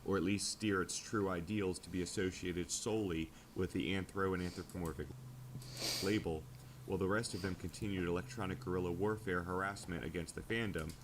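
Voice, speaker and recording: A man giving steady, scripted documentary narration about a fan community's history, played back from a video. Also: low voice, fairly quick, noisy background. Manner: steady, informative storytelling.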